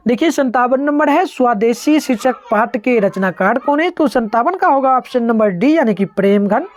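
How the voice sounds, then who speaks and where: A woman's voice: on the high side, animated, moderate pace, a little mellow, slight background noise. A woman teaching an online exam-prep lesson, going through answers step by step and having students say sounds aloud.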